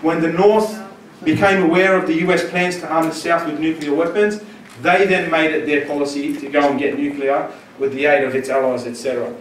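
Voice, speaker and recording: A man in his thirties, originally from Syria, stands before a conference panel in a large lecture room and answers with a handheld mic. His pitch runs fairly high and his tone steady; he speaks fairly quickly with few pauses, conversational and full of fillers, then more forceful. Sound comes from a distant camera, roomy and noisy.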